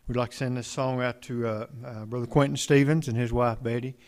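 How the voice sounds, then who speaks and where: A man from a gospel group chatting from the stage in a rambling, halting way, full of fillers. His voice sits at an ordinary middle pitch. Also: steady tone, a little mellow. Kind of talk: casual stage talk.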